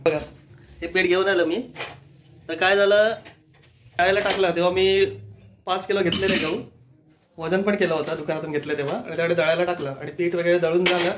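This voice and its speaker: A young man co-hosting a family vlog at home, telling viewers a story in a relaxed, chatty way. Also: high voice, brisk, pauses often, background noise. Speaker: vlog co-host. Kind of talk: casual home vlog chat.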